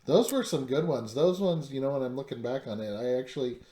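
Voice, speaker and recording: A man's voice: mid-range voice, lively intonation, brisk, mellow, echoey room. A man co-hosting a podcast in casual chat, rambling with lots of fillers and restarts. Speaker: podcast co-host.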